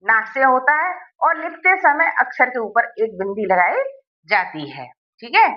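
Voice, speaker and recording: A woman's voice: high-pitched, very animated, a little slow, highs cut off. A woman teaching a grammar lesson, asking her students questions and answering them herself, checking that they follow.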